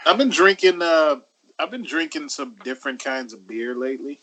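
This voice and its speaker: Easygoing higher-voiced man. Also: lively intonation, a bit bright. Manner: easygoing, halting, laughs often. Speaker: podcast co-host. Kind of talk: casual chat.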